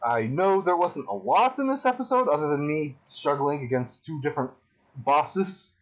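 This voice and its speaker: A man's voice: fairly high pitch, lively intonation, moderate pace, poor audio. A man streaming a video game live, talking casually to his viewers in a chatty, self-deprecating way and sounding tired. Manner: chatty and self-deprecating, says freaking a lot. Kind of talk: live gameplay stream commentary.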